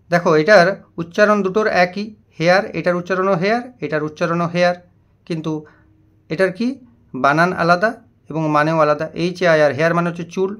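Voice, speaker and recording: A man's voice: on the high side, a bit bright. A man teaching an English lesson, explaining vocabulary patiently and spelling words out letter by letter. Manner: slow, deliberate reading of English example sentences.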